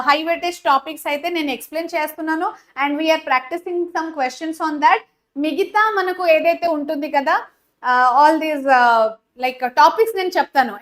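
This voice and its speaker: Very high-voiced woman teaching biology slowly. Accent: Telugu. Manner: mixes English and Telugu, repeats 'okay', frequent 'uh' fillers. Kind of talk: live online exam-prep class.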